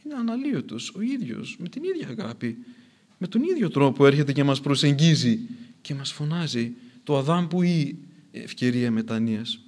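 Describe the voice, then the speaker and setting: A man's voice: mid-range voice, lively intonation, a little mellow. A man preaching a sermon in an earnest way, repeating phrases for emphasis as his intensity rises and falls.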